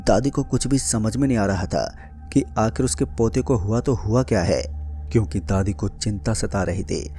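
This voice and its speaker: A man narrating a scripted horror story in a steady, measured way. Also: lowish voice.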